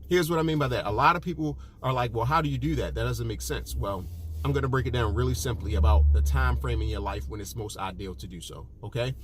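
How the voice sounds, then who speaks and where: A man's voice: medium pitch, fast talker, a little hiss or hum. A man, a personal finance author, giving direct advice to the camera, emphatic and repeating his key points with frequent "okay" and "look".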